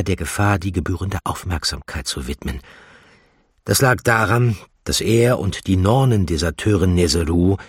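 A man narrating a fantasy audiobook in a measured, steady storytelling manner. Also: deep voice, slightly rough, no room sound, studio quality. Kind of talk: scripted narration.

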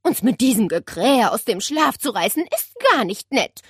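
A woman voicing a grim elderly great-aunt who speaks slowly and sternly in a storybook. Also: fairly high pitch, lively intonation, husky, dry recording, clean studio sound, voice pushed up. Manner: slow, stern, drawn-out.

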